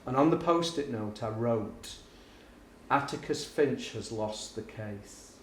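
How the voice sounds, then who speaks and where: A middle-aged teacher and education speaker tells stories to a live audience slowly, in a mid-range voice. His classroom anecdotes are lively and self-mocking, with the voices acted out. He's recorded from a distance in an echoey room with slight background noise.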